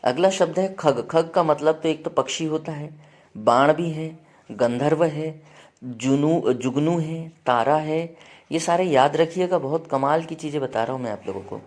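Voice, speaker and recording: Hindi teacher drilling word meanings. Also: male voice, on the high side, a little slow, a little mellow. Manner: listing word meanings, addresses students as beta; frequent checks like "है ना" and "ठीक है". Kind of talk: exam-prep grammar lesson.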